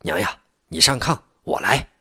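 A man voicing a young communist cadre who reassures poor villagers earnestly, with a husky voice. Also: fairly low pitch, animated, moderate pace, bright, forceful tone, no echo, clean studio sound, heavily acted. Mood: reassuring.

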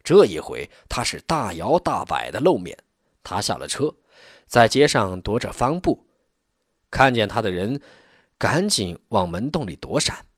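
A man narrating an audiobook novel in an expressive storytelling way. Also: lowish voice, a little slow, husky, no echo, studio quality.

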